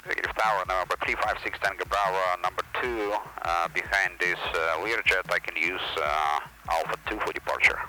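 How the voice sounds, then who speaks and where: A man's voice: deep voice, fairly even intonation, a little fast, hardly any pauses, sharp tone, rough recording. A male pilot making clipped radio calls to the tower through his cockpit headset. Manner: clipped radio phrasing with call signs. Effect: pilot talking through a cockpit headset.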